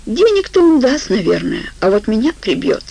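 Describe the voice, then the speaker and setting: Drunk, whiny middle-aged woman, high gravelly voice, done by a woman narrator. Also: big pitch swings, moderate pace, dark tone, heavily acted, low-quality recording. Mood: fearful. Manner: tipsy, whining, hiccuping.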